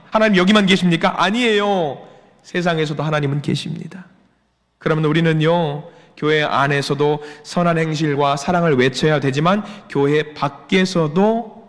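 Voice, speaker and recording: Man in his 40s, pastor; high voice, emphatic sermon delivery, long hall reverb. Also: fairly bright tone. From Jeolla region, Korea. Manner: emphatic, repeats rhetorical questions. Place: church sanctuary.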